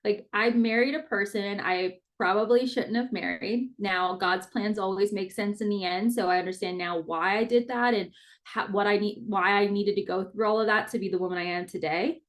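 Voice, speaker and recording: Speaking at a moderate pace and medium pitch with fairly even intonation, this podcast host in her thirties talks earnestly and openly. Her monologue is casual and personal, full of everyday fillers with a mild swear here and there.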